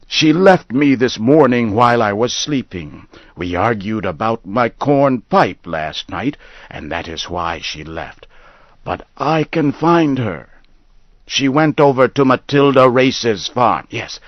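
A man's voice: mid-range voice, big pitch swings, takes it slowly, no room sound, muffled recording, voice pushed up. A man playing a lonely, confused old farmer who talks sharply and insistently. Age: older.

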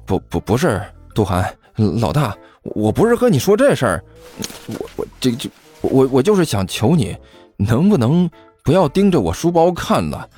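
A man's voice: mid-range voice, wildly swooping pitch, normal speed, mellow, slightly rough, soft background music. A man voicing a chubby, cheeky schoolboy who talks in a glib, mock-innocent singsong. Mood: flustered.

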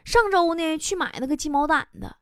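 A woman's voice: sits high, fairly quick, no room sound, studio quality. A woman with a Northeastern Chinese accent hosting a comic monologue, chatty and laughing at her own jokes. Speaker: comedy show host. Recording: loud background noise.

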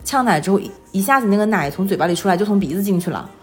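Woman, 30s, interview guest. Quick, animated, self-deprecating storyteller, music in the mix. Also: mid-range voice. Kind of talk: casual conversational storytelling.

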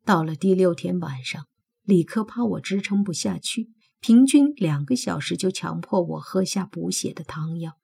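A woman reading a novel aloud as its first-person narrator, in a steady storytelling manner. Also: lowish voice, moderate pace, vocal fry, husky. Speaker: audiobook narrator.

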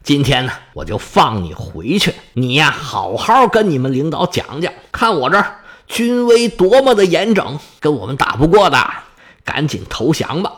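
A man voicing an arrogant ancient king who interrogates a captured assassin in a gruff, blustering way. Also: fairly high pitch, big pitch swings, moderate pace, a bit bright, heavily acted. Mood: grudging. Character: arrogant besieging king, older man, commanding.

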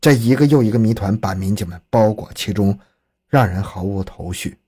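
A man reads a scripted true crime account as its narrator. His voice sits fairly low and has a husky, rough-edged grain. He tells it dramatically, shaping the story for suspense. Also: normal speed, dark tone.

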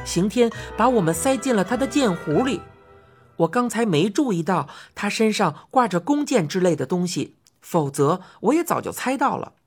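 A woman narrating a children's fantasy story as an audiobook, expressive and rising to cries in excited passages. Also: medium pitch, moderate pace, slightly rough, faint music behind.

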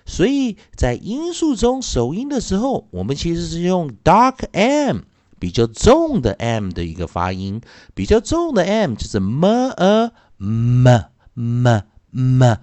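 A man teaches an English phonics lesson at an unhurried pace, stretching out and repeating each sound for his students. His pitch leaps up and down with great animation. The sound is dry and close, with no room around it. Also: huge pitch swings, darkish tone, no echo. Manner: slow and demonstrative, drawing out and repeating sounds.

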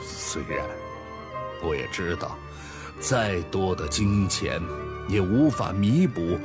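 In a dramatic radio play monologue, a man plays a remorseful tech founder confessing to fraud. He acts the tycoon with a grave, slow, deep voice, sounding solemn, deliberate and apologetic, and sighing.

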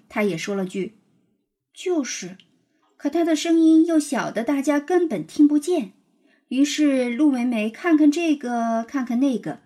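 Woman, storybook narrator, expressive, husky, high-pitched. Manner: expressive, lively read-aloud.

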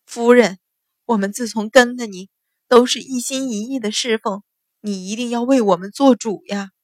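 Old servant women, voiced by a woman, tearful, pleading, loud, dry close sound. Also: a little high, normal speed, no room sound, lightly acted.

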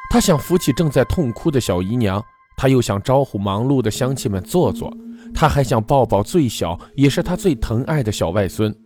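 Male storyteller for a ghost tale, animated delivery, music bed behind. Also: medium pitch, normal speed. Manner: dramatic, emotional first-person telling.

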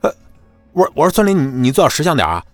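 A man doing a shrill bullying young thug. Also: sing-song, fast, dry recording, faint music behind. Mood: blustering. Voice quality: shrill, swaggering, crude. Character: brash young male rich-family hanger-on, bullying.

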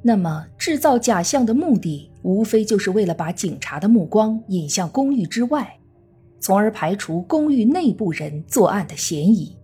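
A woman true crime narrator reading a scripted case story in a measured storytelling manner. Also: medium pitch, very animated, dark tone, husky. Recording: faint music under the voice. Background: faint background music.

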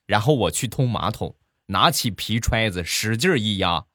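A man's voice: lowish voice, expressive, normal speed, fairly bright tone, no echo, studio quality. A man voicing an agitated middle-aged neighbor, a fed-up father ranting in exasperation. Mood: exasperated.

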